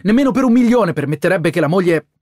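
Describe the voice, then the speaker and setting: A man's voice: high voice, lively intonation, quick pace, a little mellow, no room sound, clean studio sound, voice pushed up. A man reading an audiobook and voicing a dramatic seventeen-year-old boy who pleads and weeps over his troubles. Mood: pleading. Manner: pleading, tearful, theatrical outbursts.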